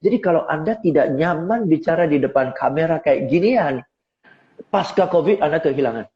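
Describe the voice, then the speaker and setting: A middle-aged man coaching on sales in a live online talk, lively and rhetorical, often asking listeners to agree. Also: a little high, moderate pace, dull audio. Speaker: seminar speaker and sales coach. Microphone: phone on a tripod.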